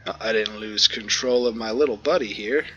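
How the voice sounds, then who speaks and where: Bright-voiced man narrating gameplay. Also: on the low side, moderate pace, dull audio, faint music behind. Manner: chatty, joking, full of ums and ohs. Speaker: gamer. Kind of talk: let's play commentary.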